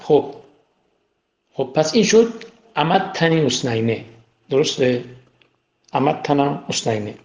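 Delivering a spiritual class like a lecture, this man asks rhetorical questions and hammers home key words by repeating them. His voice is medium-pitched and creaky, heard in a room with noticeable echo.

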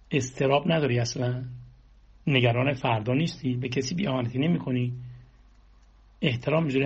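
A man's voice: mid-range voice, vocal fry, a little mellow, breathy edge. A man giving a spiritual sermon, exhorting listeners with rhetorical questions and long lists, on a dull lo-fi recording. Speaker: religious speaker.

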